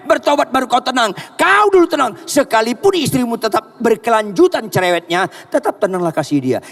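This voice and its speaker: In a church, a male pastor with a high-sitting voice preaches a sermon emphatically, rising to shouts on quoted lines. He calls on the congregation to answer back and clap.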